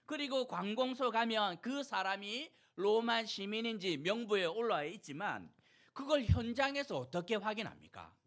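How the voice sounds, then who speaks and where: Male pastor, high-pitched, lively storyteller in the pulpit. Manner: animated storytelling, retelling scenes in everyday terms. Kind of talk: sermon.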